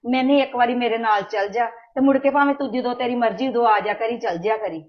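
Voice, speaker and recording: A woman playing a worried older mother in a home-made family drama. She scolds with tenderness and pushes her daughter to hurry, her fairly high voice coming through a dull, muffled recording. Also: fast, lightly acted. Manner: urgent, scolding yet tender. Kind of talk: amateur family drama acting.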